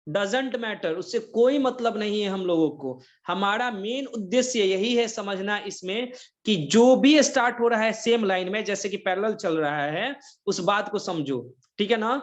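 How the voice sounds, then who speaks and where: The recording is muffled, carrying a high male voice with an Indian accent. He's teaching English grammar online, blending Hindi with English and often pausing to ask if everyone follows.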